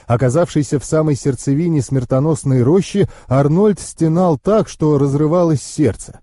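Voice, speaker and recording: A man reading a fantasy audiobook in the first person, with steady, expressive storytelling. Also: on the high side, no echo, clean studio sound. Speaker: audiobook narrator.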